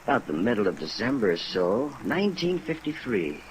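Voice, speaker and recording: Deep-voiced gossipy American building manager. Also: male voice, sing-song, normal speed, poor audio. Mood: gossipy, offhand. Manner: chatty, slangy, offhand. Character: gossipy, folksy apartment house manager, middle-class American. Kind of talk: 1950s radio drama acting. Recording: old radio recording with rain noise.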